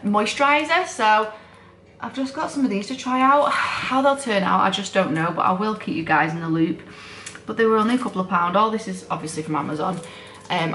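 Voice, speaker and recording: A woman's voice: medium pitch, a bit bright, a little hiss or hum. Young woman, student nurse, tired, rambling chatty vlog delivery, filmed at home on a camera set down nearby; roomy echo. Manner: rambling, chatty, self-deprecating, lots of fillers. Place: home, indoors.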